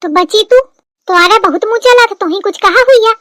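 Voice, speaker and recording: A woman's voice: very high-pitched, normal speed, a bit bright, no echo, studio quality. Woman putting on a scolding village mother-in-law. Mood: accusing. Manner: scolding, nagging.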